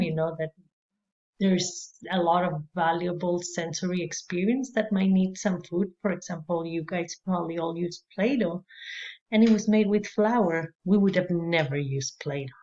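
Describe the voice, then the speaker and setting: A woman's voice: lowish voice, a little mellow, highs cut off. A woman from Chile, giving a conversational class lecture on early childhood education, dotted with "you know" and light laughs.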